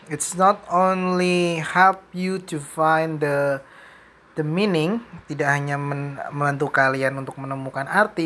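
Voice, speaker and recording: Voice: medium pitch, fairly bright tone, slight background noise. An English teacher with an Indonesian accent, giving a bilingual vocabulary lesson and switching between English and Indonesian with playful asides.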